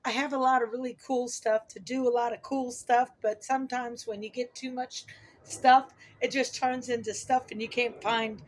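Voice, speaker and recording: Hoarse middle-aged woman vlogging casually. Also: on the high side, flat delivery, moderate pace. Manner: rambling, self-correcting, chuckles at own remarks. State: hoarse from a lot of talking. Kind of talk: casual chat to camera.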